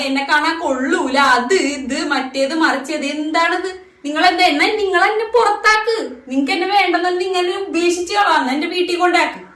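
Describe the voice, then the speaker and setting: A woman's voice: very high voice, fairly bright tone, distant mic. A woman playing a young wife who heatedly accuses her husband and demands answers, heard off-mic in an echoey room. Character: angry young wife confronting a cheating husband.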